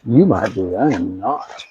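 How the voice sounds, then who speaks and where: A man's voice: on the low side, sing-song, slow, dark tone. Man trading dry jokes while hiking, off-mic, muffled lo-fi sound. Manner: dry, self-deprecating jokes. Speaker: vlogger's hiking partner. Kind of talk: casual banter on a hike. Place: outdoors on a forest trail near a waterfall. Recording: dull lo-fi sound, faint hiss, off-mic.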